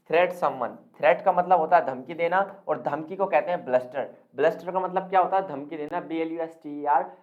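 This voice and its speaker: Man teaching words over tinny phone-like audio. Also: fairly high pitch. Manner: keeps quizzing the viewer with repeated questions. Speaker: spoken English teacher. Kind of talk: online vocabulary lesson.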